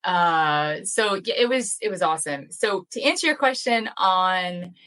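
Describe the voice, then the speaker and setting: Guesting on a relaxed podcast, a young American woman who teaches languages and runs a dairy farm talks eagerly about both, using many fillers. Her voice is on the low side, expressive, pushed and bright, and a little slow.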